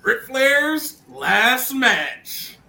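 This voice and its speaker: A man's voice: very high-pitched, big pitch swings, drawn-out words, pushed and bright. A man co-hosting a podcast in casual, cocky banter, recorded in an echoey room. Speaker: podcast co-host. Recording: echoey room, faint noise.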